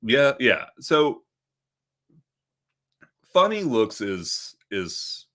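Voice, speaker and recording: A man co-hosting a casual live Q&A stream, talking in a shy, halting way with lots of fillers. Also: medium pitch, big pitch swings, a bit bright. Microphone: streaming mic.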